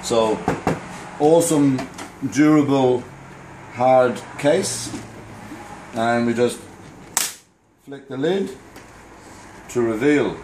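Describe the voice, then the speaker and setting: A man in his thirties with an Australian accent speaks in a mid-range voice, extremely slowly and with frequent pauses, over background noise. He's a barber reviewing products, casually demoing a tool kit with enthusiastic, informal patter. It was recorded on a camera in a small, roomy barbershop with faint ambience.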